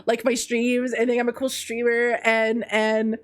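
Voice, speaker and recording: Reading chat confessions on a casual live stream, this congested-sounding woman keeps a measured pace with little pitch movement. Still, she teases and laughs a lot, veering between high squeals and low mutters.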